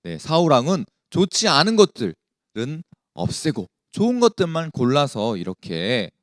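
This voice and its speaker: A man's voice: fairly high pitch, moderate pace, no echo, studio quality. A man leading a children's worship service, telling a Bible story and asking the children questions. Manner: animated, asks the children questions.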